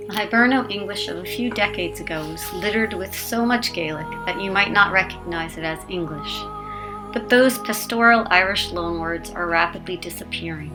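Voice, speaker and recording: A woman's voice: medium pitch, low-quality recording. A woman narrating a documentary in an earnest, reflective, scripted manner. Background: music.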